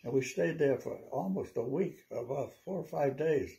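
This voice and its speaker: An elderly man in his nineties with a dark, relaxed voice. He speaks as an old veteran remembering his service, telling stories conversationally. His recollection is halting and wanders, with words often repeated. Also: mid-range voice, creaky. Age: 90s. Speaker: WWII veteran interviewee. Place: small living room at home, seated.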